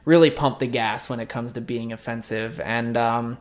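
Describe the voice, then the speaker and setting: Man, podcast co-host, casual, measured, thoughtful, mid pitch. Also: steady tone. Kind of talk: casual music news chat.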